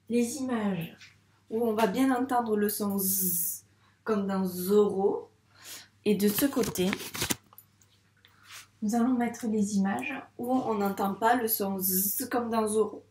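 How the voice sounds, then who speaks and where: A woman teaches a phonics lesson to young children at an unhurried, deliberate pace. She draws out each sound and syllable patiently and clearly. Her voice rings in an echoey room. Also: fairly high pitch, a little mellow. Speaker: first-grade teacher.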